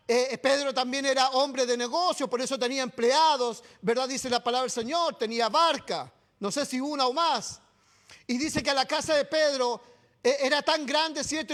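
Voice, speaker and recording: A man's voice: very high-pitched, fairly bright tone. A man with a Chilean accent preaching a sermon in a church, who keeps asking "right?" and calls the listeners "beloved". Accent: Chilean Spanish. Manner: keeps adding "¿cierto?" and "amado" to address the congregation.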